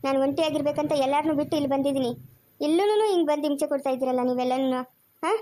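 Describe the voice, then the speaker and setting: A bitter, defiant young mother with a rural Chikkaballapur Kannada accent, as an actress plays her in an amateur family drama. Her voice is high and her words come fast. She throws out accusing questions and refuses to give way. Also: mellow, lightly acted. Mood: refusing.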